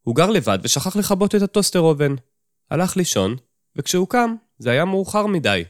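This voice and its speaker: A man's voice: high-pitched, very animated, dry recording, studio quality, pitched above the performer's own voice. A man voicing a curt young woman on a blind date, giving short, blunt replies. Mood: flat.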